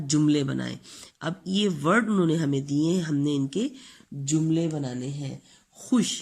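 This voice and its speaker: A woman teacher giving a children's reading lesson, sounding out words slowly and repeating them for her pupils. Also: sits low, gravelly, darkish tone, breathy edge. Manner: slow, drawn-out word-by-word dictation with sounded-out words.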